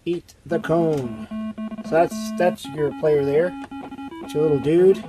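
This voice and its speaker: A man around his thirties or forties with a strained, hoarse and raspy voice, chatting in a rambling, conversational way as host of a retro gaming channel. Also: on the high side, poor audio. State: hoarse from strained vocal cords. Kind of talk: casual chat to camera. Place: indoors, small basement game room.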